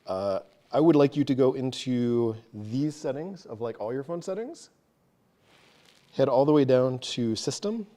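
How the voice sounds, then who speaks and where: A man presenting a technical talk to a live audience, quick and casual, joking about himself. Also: medium pitch, expressive, warm tone. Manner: fast, casual, self-deprecating. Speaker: meetup presenter. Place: meeting room with an audience.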